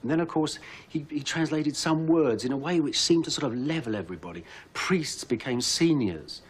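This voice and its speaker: Husky, lively man presenting a documentary. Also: fairly high pitch, normal speed. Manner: lively, storytelling, wry asides.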